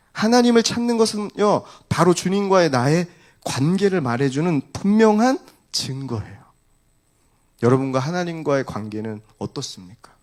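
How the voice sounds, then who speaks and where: A pastor in his forties preaching at a prayer meeting. His voice sits at a middle pitch and swings widely as he tells stories. He acts out conversations from his family as he goes. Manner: animated storytelling, acts out family dialogue. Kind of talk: sermon.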